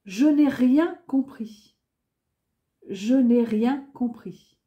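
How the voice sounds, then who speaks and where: Repeating every phrase twice, a woman leads a leisurely French lesson for beginners. Her high voice has a soft, mellow quality, and she enunciates carefully like a patient instructor. The audio sounds dull.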